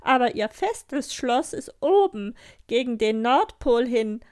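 A woman voicing a proud reindeer in a storybook, speaking loudly, slowly and boastfully. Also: fairly high pitch, animated, pitched above the performer's own voice. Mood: longing. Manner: loud, slow and boastful. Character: proud reindeer from the snowy north.

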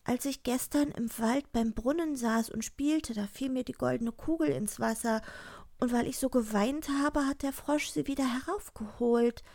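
A woman voicing a young princess in a fairy tale, raising her voice high and often half-whispering. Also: moderate pace, a little mellow. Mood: pleading. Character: spoiled young princess, airy and pleading.

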